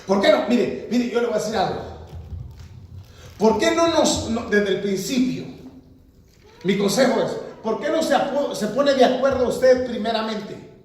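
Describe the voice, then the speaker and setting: A man's voice: very high-pitched, expressive, unhurried, a little mellow. A pastor preaching a sermon, full of rhetorical questions and quoted voices of his congregation. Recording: echoey hall, mic far off.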